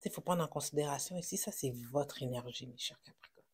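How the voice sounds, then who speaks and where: A tarot reader with a Québécois French accent talks straight to viewers in a husky, slightly breathy voice at an ordinary middle pitch. The delivery is reassuring but halting, full of fillers and restarts as the reading unfolds. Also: darkish tone. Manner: reassuring, halting, with many fillers and self-corrections. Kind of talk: casual tarot reading to camera.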